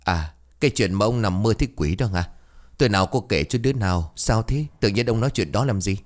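A sharp-tongued elder wife from a spoken ghost story, put on by a man. She speaks low and lectures with scorn, her pitch rising and falling. She is scheming and sure of herself. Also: expressive, a little fast, natural voice. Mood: scornful.

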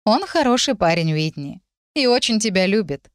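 Lady doing a mom who runs a bakery, brisk, protective, reassuring, dry close sound. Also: medium pitch, big pitch swings, smooth, no echo, pitched above the performer's own voice, natural voice. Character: middle-aged mother, baker, protective.

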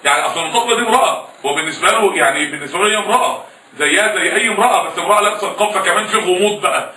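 Fast, bright-voiced Egyptian preacher. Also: male voice, high-pitched, echoey room, distant mic, rough recording. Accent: Egyptian Arabic. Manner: impassioned, rhetorical, repeats phrases. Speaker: preacher answering audience questions. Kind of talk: colloquial Egyptian religious talk.

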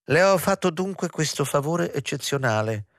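A man's voice: on the high side, expressive, normal speed, a bit bright, no room sound, clean studio sound, pitched above the performer's own voice. A man reading the part of a vain, haughty male theatre director with a sniffy, pompous manner.

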